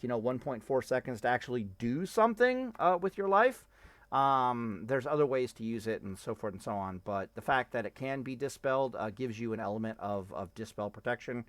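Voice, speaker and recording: This clip has a man, a gaming streamer, speaking in a mid-range, somewhat bright voice with no echo. His commentary is loose and meandering, full of profanity, and he keeps interrupting himself while trying things out.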